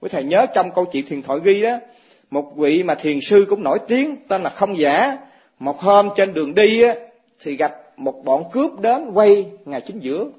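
A man's voice: high-pitched, lively intonation, normal speed, darkish tone, husky. A man giving a dharma talk to fellow monks, asking his listeners questions and chuckling often. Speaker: Buddhist monk teaching fellow monks. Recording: dull lo-fi recording.

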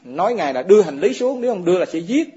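A man's voice: high-pitched, sing-song, racing, mellow, husky. A man giving a dharma talk to fellow monks, asking his listeners questions and chuckling often. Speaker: Buddhist monk teaching fellow monks. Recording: dull lo-fi recording.

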